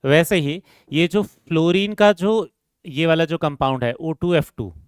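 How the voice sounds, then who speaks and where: A man's voice: fairly high pitch, lively intonation, unhurried, clear, resonant tone, no room sound, clean studio sound. A man teaching a chemistry lecture who asks the class questions and answers them himself, repeats key terms and calls his students "beta".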